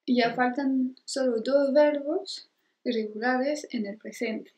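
French-born woman, native French speaker, patient language teacher, slightly high pitch, slow deliberate delivery, roomy echo. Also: a little mellow. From France. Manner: slow, careful modeling of French conjugations. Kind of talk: language lesson.

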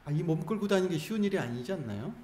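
A male Buddhist monk with a fairly high voice leads a temple congregation through a guided practice, playful and coaxing. His words ring around a roomy hall, with a faint hum of room sound behind him. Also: expressive, very fast, dark tone. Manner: playful, coaxing, jokes with the audience. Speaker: Buddhist monk giving a Sunday dharma talk. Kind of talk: sermon with guided call-and-response practice.

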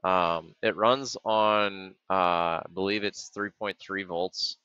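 Low, bright-toned man thinking aloud. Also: steady tone, takes it slowly, smooth, dry recording. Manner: thinking aloud, with many ums and trailing restarts. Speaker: maker explaining a project. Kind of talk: casual screen-share walkthrough. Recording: dull, dry lo-fi webcam audio.

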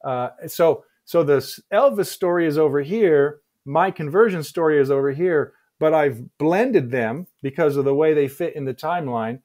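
A middle-aged man answering interview questions on a video call, speaking in a measured, thoughtful way with frequent restarts, on a headset mic in a home office. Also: fairly high pitch, a little mellow. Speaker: guest historian.

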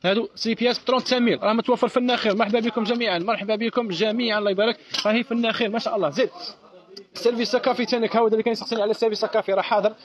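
A man running a live sales pitch as a shop seller, repeating each price over and over. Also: steady tone, racing, lo-fi sound.

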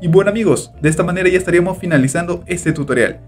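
Over a screen recording, a male tutorial host races through his voice-over, his slightly high voice sitting above faint background music. His narration is steady and instructional, walking through the tutorial step by step and going over the click steps again.

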